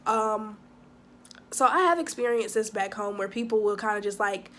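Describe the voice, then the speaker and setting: A young woman chatting casually to camera in a vlog, talking quickly with lots of fillers and asides. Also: mid-range voice, lively intonation, a bit bright. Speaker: vlogger living abroad.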